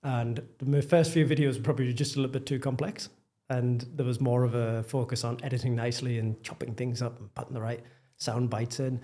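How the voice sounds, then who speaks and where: This Geordie man from northeast England is a property developer appearing as a podcast guest, speaking candidly and poking fun at himself in a casual interview. His mid-pitched voice stays steady and mellow, moving a little fast.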